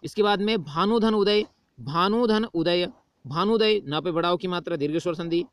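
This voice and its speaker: A male teacher walks through a grammar lesson with a high, smooth voice, asking a question and then answering it himself. The sound is dry and close, with no room around it. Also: moderate pace, no echo. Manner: explains step by step, asks questions and answers them himself.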